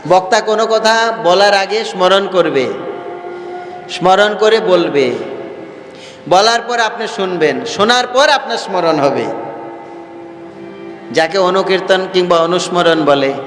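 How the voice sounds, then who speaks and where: A man, a monk preacher, giving a slow devotional sermon, repeating his phrases and putting questions to his listeners. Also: sits high, a bit bright. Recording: roomy hall reverb with faint music.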